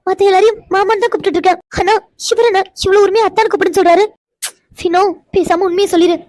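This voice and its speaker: A woman's voice: very high-pitched, steady tone, rapid-fire, a little mellow, no room sound, clean studio sound. A woman voicing a shy, frightened young woman in a cartoon, who stammers and pleads. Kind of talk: cartoon voice acting.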